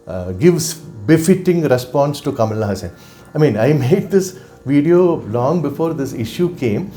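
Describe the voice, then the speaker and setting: A middle-aged man from Kerala speaks with a Malayali accent, Malayalam being his first language. His voice sits at an average pitch with a warm, relaxed tone. He talks informally and earnestly, repeating words for emphasis as he appeals to the viewer. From Kerala, India. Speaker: Carnatic music singer and teacher. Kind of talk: informal personal appeal to camera. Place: indoors, home room with bookshelves.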